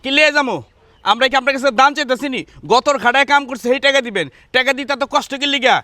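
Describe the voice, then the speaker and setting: A man's voice: on the high side, brisk, fairly bright tone, dry recording, lightly acted. A man playing an aggrieved poor laborer. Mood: defiant. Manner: pleading, then defiant and threatening. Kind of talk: short-film drama acting.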